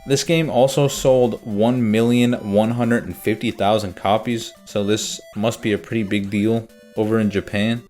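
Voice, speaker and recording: A man narrating a comedic video game review in a deadpan, sarcastic manner. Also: on the low side, moderate pace, few pauses, soft background music.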